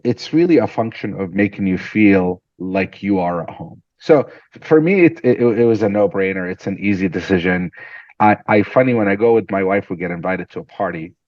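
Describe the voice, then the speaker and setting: A Syrian entrepreneur appears as a guest in a lively, conversational interview, telling stories and often repeating words as he begins sentences. His voice is lowish, and the recording sounds dry and muffled.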